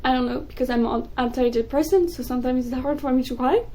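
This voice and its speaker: A young woman, a native French speaker, chatting excitedly about books in a casual vlog. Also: high-pitched, poor audio. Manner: excitable, gushing, quick bursts. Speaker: book vlogger. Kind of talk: casual chat to camera.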